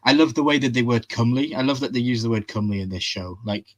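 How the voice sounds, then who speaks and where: A man's voice: medium pitch, fast talker. A man co-hosting a live TV review, explaining with eager emphasis in casual chat.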